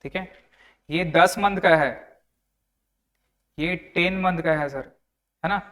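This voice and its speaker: A young man teaches an online class, and his voice sits a little high. He talks conversationally, repeating each figure and calling his students "sir" as he walks through the working. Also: takes it slowly, a bit bright. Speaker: tax tutor.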